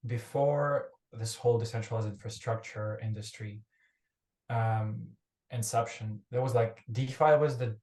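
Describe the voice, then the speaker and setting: A young Ukrainian man, a startup founder appearing as a podcast guest, rambles casually and keeps restarting phrases. His voice is medium in pitch with a dark tone, heard through an echoey, roomy remote recording.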